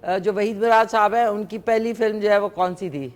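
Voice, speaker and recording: A woman's voice: medium pitch, steady tone. A woman hosting a live morning show, chatting and teasing callers while she cooks in a studio kitchen on a lapel mic. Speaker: morning show host and cooking presenter. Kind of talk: live TV chat and cooking demonstration.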